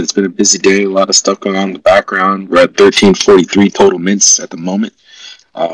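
A man's voice: low voice, no room sound, recorded from a distance, poor audio. A man talking upbeat and enthusiastic in a casual online audio chat, on a headset mic from his office. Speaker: crypto project community member.

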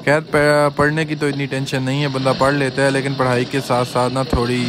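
A man's voice: mid-range voice, fairly quick. A young man chatting casually to viewers as he rides his motorbike at night. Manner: chatty, relaxed, addresses viewers as friends. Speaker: motovlogger. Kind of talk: casual vlog narration while riding. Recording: road and traffic noise.

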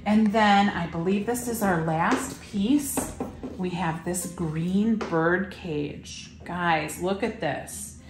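A woman's voice: fairly low pitch, slow, roomy sound, background noise. Chatty woman showing decor items. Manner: chatty and enthusiastic, lots of fillers. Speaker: shop host presenting items for sale. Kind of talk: casual product showcase. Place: indoor shop room full of farmhouse decor.

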